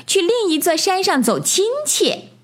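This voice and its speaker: A woman voicing a cheerful, brave little boy bunny in a bedtime story, with a bright childlike chirp. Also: very high voice, big pitch swings, unhurried, pitched above the performer's own voice, full character voice. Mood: proud.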